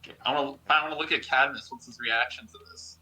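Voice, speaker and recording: A man playing a tabletop game who talks casually and quickly. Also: mid-range voice, steady tone, pushed and bright, slightly rough, rough recording. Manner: casual, quick, full of fillers. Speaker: player.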